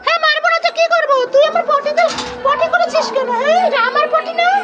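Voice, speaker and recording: A woman voicing a bossy little boy who threatens a rival in a squeaky, shouty voice. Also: fairly even intonation, fast talker, highs cut off, over loud music. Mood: threatening.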